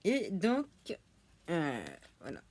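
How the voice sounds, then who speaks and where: A woman's voice: fairly low pitch, huge pitch swings, extremely slow, a little mellow. A French woman chatting casually at home as she unboxes a witchcraft subscription box, hesitant, with many fillers and easy laughs. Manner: laughs easily while showing items. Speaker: unboxing vlogger.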